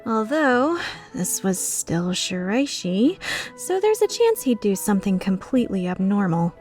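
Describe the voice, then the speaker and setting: A woman with a mid-range, sing-song voice speaks unhurriedly and a little mellowly, with faint music behind her. In a fan-dubbed drama, she plays a flustered, skeptical young woman narrating her own story introspectively in the first person, sounding puzzled and reflective.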